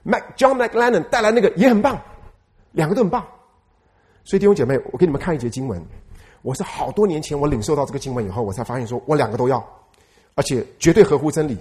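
A man's voice: on the high side, quick pace, warm tone. A man, a pastor giving a sermon who stresses points by repeating phrases and asks the congregation questions. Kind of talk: lively sermon.

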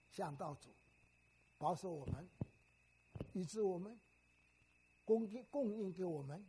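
A man's voice: high-pitched, dark tone, slightly rough. An older man preaching a sermon in a teacherly way, often putting questions to the congregation.

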